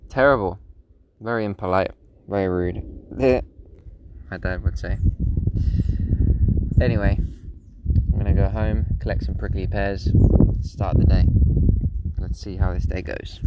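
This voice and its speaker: A man's voice: low-pitched, steady tone, a little slow, pauses often. A man in his late twenties talking alone in a rambling, reflective monologue as a podcast host, sleepy and yawning. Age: 20s. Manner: rambling, musing, frequent self-restarts. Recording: loud background noise.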